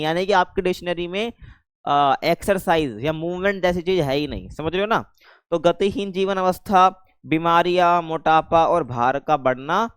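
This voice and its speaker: Male teacher, somewhat high, clear voice; casual, keeps asking questions. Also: dry recording. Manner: chatty, keeps checking understanding, calls students 'bhai'. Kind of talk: casual classroom explanation.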